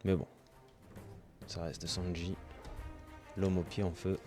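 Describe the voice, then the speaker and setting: A man's voice: sits low, level tone, slow pace, over music. A man hosting his own channel, opening trading card packs in casual commentary, reading off card names and gushing with delight over his pulls.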